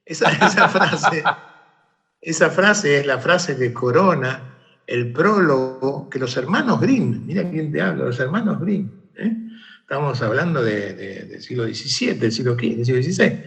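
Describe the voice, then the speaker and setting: A man's voice: mid-range voice, normal speed, creaky. A man as an interview guest, telling a story in conversation and acting out the calls of its characters. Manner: animated, acts out shouted calls in the story.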